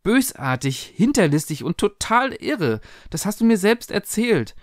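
A man voicing a frightened teenage daughter who talks high, excited and breathless, in a spoken storybook reading. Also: unhurried, dry recording, clean studio sound. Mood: upset.

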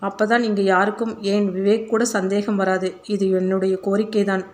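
An earnest, troubled father pleads in quick, long runs of speech, voiced by a woman narrator. His pitch stays flat, in an audiobook reading. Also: lightly acted.

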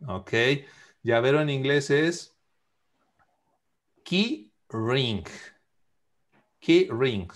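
A man teaching English to children in an online class over a video call, speaking slowly and patiently, repeating and spelling out phrases. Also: medium pitch, big pitch swings.

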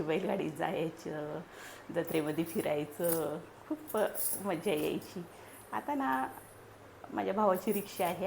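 A young woman from Maharashtra chatting casually at home in a family vlog, a mother who coaxes her baby in high sing-song bursts. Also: gravelly, a little mellow, a little hiss or hum. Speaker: vlogger and mother. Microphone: small clip mic.

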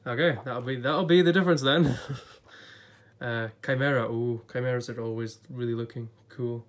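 A man's medium-pitched voice holds a steady tone at a moderate pace, though it's somewhat off as he recovers from illness. In a casual book-review vlog, he browses an illustrated book at an indoor table with a blue backdrop, talking chattily and thinking aloud.

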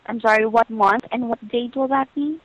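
Speaking at a normal speed in a slightly high, steady voice, a hotel booking agent handles a phone call with polite, patient, formulaic customer-service lines. The audio comes via a telephone line, muffled and lo-fi, with no room sound.

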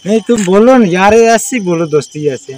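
Young man pleading softly with a friend. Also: sits high, animated, normal speed, slight background noise. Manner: pleading, apologetic. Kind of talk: casual conversation.

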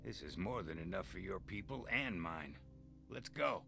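An actor playing a brisk, practical male survivor in a video game drama, with a businesslike manner. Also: sits low, animated, creaky, over music, heavily acted.

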